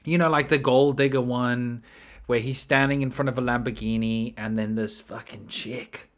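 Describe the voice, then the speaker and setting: A man's voice: medium pitch, steady tone, moderate pace. A man giving casual, sarcastic vlog commentary, chatty and fond of tagging "right?" onto his points.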